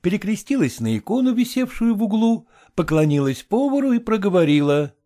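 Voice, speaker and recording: A man narrates a classic story with dramatic expression. His voice is high and highly animated. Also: a little fast. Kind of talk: literary audiobook reading.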